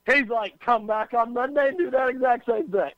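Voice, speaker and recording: A man's voice: extremely high pitch, moderate pace, crowd noise. A man who hosts a radio show, telling a story in casual chat and acting out the people he quotes. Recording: dry, slightly dull radio audio.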